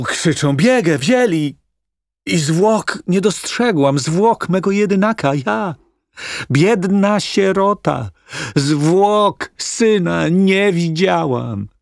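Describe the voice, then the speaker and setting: A woman's voice: on the low side, darkish tone, dry recording, clean studio sound, heavily acted. A woman playing a grieving, frantic, blind old mother in an audiobook drama, wailing and accusing. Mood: desperate. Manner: wailing, accusing, raw outbursts. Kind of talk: audiobook radio drama acting.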